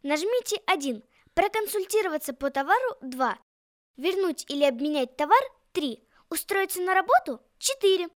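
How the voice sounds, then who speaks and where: Woman, phone menu recording, very high pitch, lively intonation, measured scripted delivery. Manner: even, measured reading with falling last words.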